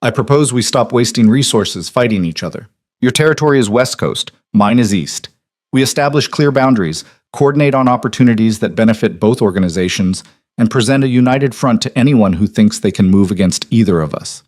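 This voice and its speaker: A man's voice: medium pitch, animated, a little fast, a little mellow, natural voice. A man voicing a cold male crime boss in his seventies, speaking in dry, clipped, commanding lines.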